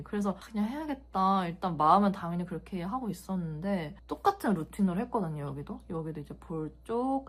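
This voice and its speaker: A woman's voice: on the low side, husky. Candid young woman telling a vlog story. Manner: emotional, candid storytelling with vivid sound words. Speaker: beauty vlogger. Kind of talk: casual vlog talk to camera.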